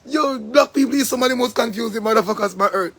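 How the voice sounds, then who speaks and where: A man with a Jamaican accent hosting a live stream, talking in a rambling, profane, animated way. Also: very high voice, fast talker, vocal fry, slightly rough. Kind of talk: casual live-stream rant.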